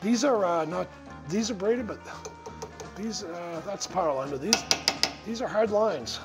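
A man's voice: high voice, expressive, measured pace, loud music behind the voice. A middle-aged man hosting a casual shop vlog from a large car restoration garage, talking loosely with lots of fillers into a close action camera. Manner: rambling, many "uh" fillers, easygoing. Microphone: action camera held or mounted close.

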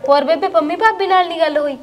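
A woman's voice: extremely high pitch, quick pace, a little hiss or hum. A young woman with a Malwai Punjabi accent, playing a village woman who consoles her family in a matter-of-fact way. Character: comforting young village woman, steady and reassuring. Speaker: actor in a village short drama. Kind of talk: amateur village drama acting.

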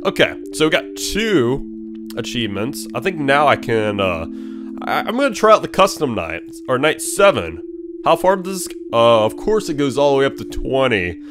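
A man's voice: medium pitch, moderate pace, over music. A young man hosting a horror game let's play, talking nervously to the game characters as he plays. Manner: animated, talks to the game characters, nervous muttering. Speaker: gaming channel host.

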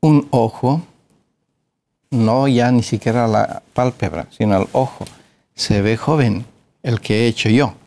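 A man's voice: medium pitch, unhurried, vocal fry, long pauses, a little mellow. A middle-aged man, a plastic surgeon, telling a story from his career in an interview, hesitating with filler sounds and retelling the conversations.

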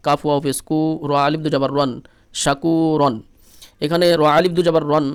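A man with a Bangladeshi Bengali accent leads a spelling-drill lesson in a clear, resonant voice with a slightly raised, flat pitch. He spells each syllable patiently and repetitively. The sound is dry and close. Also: no echo. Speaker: Quran reading teacher.

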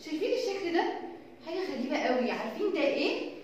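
High-voiced Egyptian kindergarten teacher. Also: female voice. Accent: Egyptian Arabic. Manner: animated, drawn-out sounds, questions and praise. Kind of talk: sing-song phonics lesson for young children. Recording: echoey room, far from mic, faint noise.

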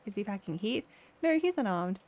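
A woman's voice: medium pitch, big pitch swings, normal speed, a little mellow, natural voice. A woman voicing a cheerful, easygoing drifter man with a folksy drawl.

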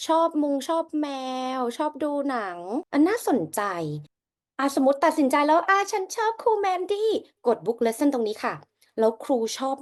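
Bubbly high-voiced woman teacher. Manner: bubbly and enthusiastic. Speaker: English teacher. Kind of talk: casual sponsored lesson talk.

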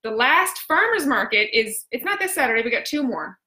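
A woman's voice: sits high, big pitch swings, a little fast, pushed and bright. A woman with a Newfoundland accent hosting a casual live stream, chatty and exclamatory, with plenty of slang. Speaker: host.

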